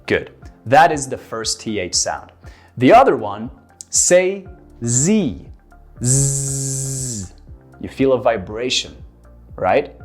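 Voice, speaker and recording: An English pronunciation teacher giving a beginners' lesson, modeling sounds slowly with exaggerated emphasis and deliberate pauses. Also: mid-range voice, lively intonation, slightly rough, faint music behind. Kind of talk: instructional lesson to camera for beginners.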